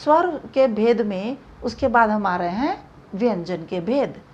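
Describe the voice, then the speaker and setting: Slow, careful woman teaching a lesson. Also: medium pitch, expressive. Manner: slow, deliberate, spells out examples. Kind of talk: classroom grammar lesson. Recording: dull lo-fi recording.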